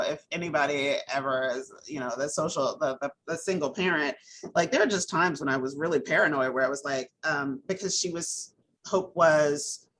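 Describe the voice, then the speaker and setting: A woman's voice: a bass voice, vocal fry, fairly bright tone, a little hiss or hum, rough recording. A woman guest telling personal stories candidly, with many ums and restarts and frequent laughter. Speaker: interview guest.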